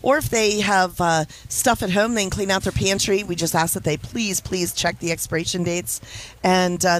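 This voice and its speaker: A woman's voice: lowish voice, slight background noise, poor audio. A woman appearing as a guest on a local radio show, explaining a food drive in a friendly way. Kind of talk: radio interview.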